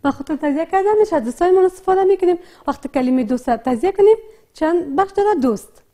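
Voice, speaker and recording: A woman teaching a reading lesson with an Afghan Dari accent, slowly breaking words into syllables and sounds and repeating each one. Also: extremely high pitch, expressive, warm tone. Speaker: primary school teacher. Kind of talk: slow, repetitive literacy lesson.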